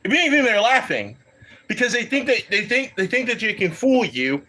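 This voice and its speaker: A man's voice: extremely high pitch, sing-song, brisk, pushed and bright. A man giving casual, rambling reaction commentary on a live stream, swearing, laughing and talking to his chat.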